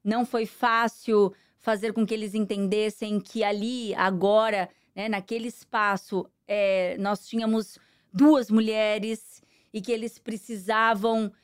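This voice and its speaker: A middle-aged woman with a Brazilian Portuguese accent, answering interview questions in an earnest, measured way with many fillers. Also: mid-range voice, clear, resonant tone. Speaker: interview guest, politician. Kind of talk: conversational interview.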